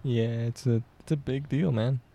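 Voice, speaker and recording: A man's voice: medium pitch, fairly even intonation, gravelly, warm tone. A young man co-hosting a podcast in casual chat. He swears freely, tells stories and laughs often. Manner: loose and profane, quick to laugh and joke. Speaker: podcast co-host.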